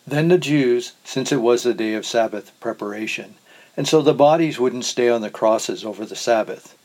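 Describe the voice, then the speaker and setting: A man giving a measured, solemn reading of scripture. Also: medium pitch, darkish tone, rough recording. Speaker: scripture reader.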